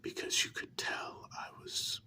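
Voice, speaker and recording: In a whispered ASMR role-play, a performer plays the tender, candid human lover of a vampire, speaking intimately and haltingly to reassure. The tone is sharp, and the mood is tender and reminiscing.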